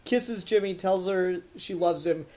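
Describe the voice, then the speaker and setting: A podcast host in a casual review conversation speaks with a mellow, mid-range voice at a slightly slow pace. He sounds critical and exasperated, stressing his points emphatically.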